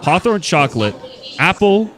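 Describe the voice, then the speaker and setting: A man's voice: sits high, big pitch swings, moderate pace, a crowd in the background. A young American man commenting casually on a live stream, rambling with lots of fillers, wry and blunt.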